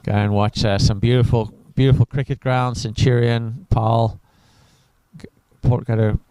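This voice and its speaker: A man's voice: medium pitch, flat delivery, a little slow, dark tone, clear, resonant tone, dry recording, poor audio. A man from Africa, giving chatty live cricket commentary full of enthusiastic asides. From South Africa.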